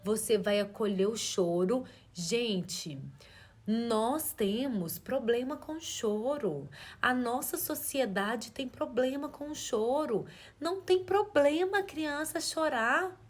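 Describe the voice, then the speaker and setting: A woman's voice: high voice, expressive, slow pace. A woman, giving a live parenting talk in an earnest coaching way and asking rhetorical questions. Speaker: parenting educator.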